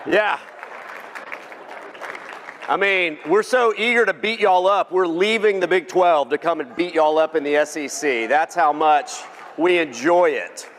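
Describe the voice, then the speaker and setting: A man's voice: a little high, unhurried, fairly bright tone, some chatter behind, slight background noise. Folksy Texan man in a big hall. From Texas. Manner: folksy, joking, engages the audience. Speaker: keynote speaker. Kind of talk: humorous keynote speech. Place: large banquet hall. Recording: reverberant hall.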